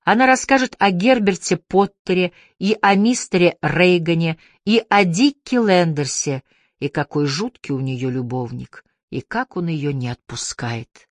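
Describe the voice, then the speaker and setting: A woman narrating a literary audiobook in a measured, expressive way. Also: lowish voice, no room sound.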